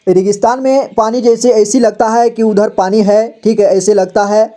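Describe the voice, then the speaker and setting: A man teaching reading in a slow, patient lesson, spelling each word out and repeating it several times. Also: sits high, fairly even intonation, mellow. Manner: patient, repeats each word slowly and often says "ठीक है".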